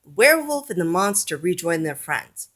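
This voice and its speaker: A woman reading a children's storybook aloud in a gentle, deliberate way. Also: on the low side, very animated.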